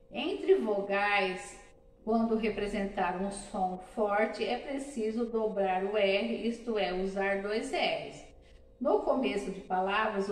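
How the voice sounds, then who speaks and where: A woman's voice: mid-range voice, roomy sound, recorded from a distance, rough recording. A woman from Brazil teaching a primary school class, explaining patiently and repeating examples syllable by syllable. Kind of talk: classroom lesson.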